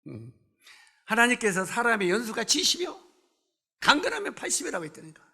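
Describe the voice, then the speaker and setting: A man's voice: very high-pitched, huge pitch swings, fairly quick, vocal fry, pushed and bright, slightly rough. A man in his seventies preaching a sermon at a church service, talking conversationally, putting questions to the congregation and joking with members. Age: 70s. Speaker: pastor.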